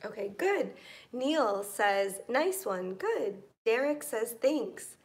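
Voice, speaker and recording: A woman's voice: fairly high pitch, big pitch swings, slow pace. A young American woman teaching English in a live online class, patient and encouraging, reading out students' comments. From United States.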